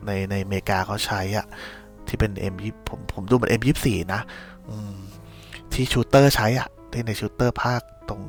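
A man's voice: lowish voice, a little fast, faint music behind. A man hosting a podcast, telling a casual spoiler recap of a series in a rambling, slangy way with many restarts. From Thailand.

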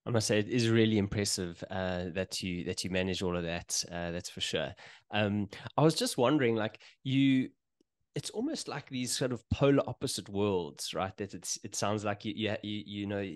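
A man in his forties, a podcast host, conducts a casual video interview from a small home room, hesitant and full of fillers and restarts. His voice is on the low side with lively intonation at a normal speed. He uses a desk studio mic with headphones, and the recording is dry and studio quality.

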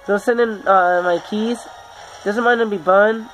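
A man who is sick, hosting his gaming channel and giving halting, self-correcting video game commentary over faint background music. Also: high-pitched, steady tone, a bit bright, rough recording. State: sick, under the weather.

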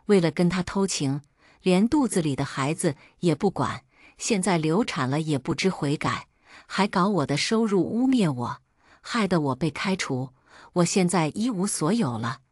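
A woman's voice: fairly low pitch, lively intonation, moderate pace, darkish tone, no room sound, studio quality. A woman voicing an enraged, vicious husband who snarls insults and accusations in a read-aloud story. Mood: furious.

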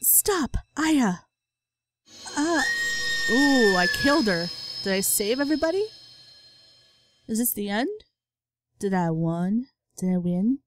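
Woman let's-player, playful mock-dramatic reactions, slow pace, over game music. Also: mid-range voice, expressive. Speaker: gaming YouTuber. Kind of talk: let's play commentary.

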